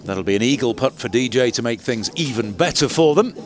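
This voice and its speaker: A man commentating on live golf as a play-by-play announcer, moving between measured description and excited lifts. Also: medium pitch, background noise. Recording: commentary over music and outdoor ambience. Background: music.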